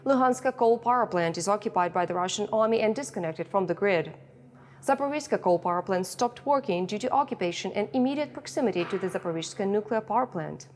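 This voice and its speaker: A woman's voice: medium pitch, a little mellow. A woman with a Ukrainian accent gives a prepared statement as a company press secretary, recorded inside a bomb shelter. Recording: long echo of concrete shelter, noisy.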